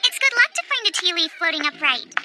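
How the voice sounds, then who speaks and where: Very high-voiced sweet anime schoolgirl. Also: big pitch swings, fast, very noisy. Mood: sweet, chatty. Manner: chirpy, friendly, earnest. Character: sweet, cheerful teenage schoolgirl. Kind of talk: English-dubbed anime acting.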